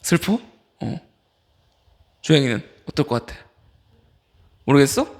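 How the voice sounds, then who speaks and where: Animated man preaching to teens. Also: mid-range voice, measured pace, creaky. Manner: animated, fires questions at listeners; informal, calls on teens by name. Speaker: associate pastor. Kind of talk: youth sermon.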